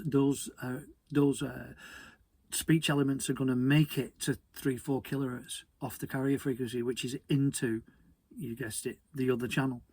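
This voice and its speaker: Husky and gravelly in a mid-range voice, this British man presents hobby radio, walking through a technical topic informally. He talks conversationally but hesitantly, frequently repeating words.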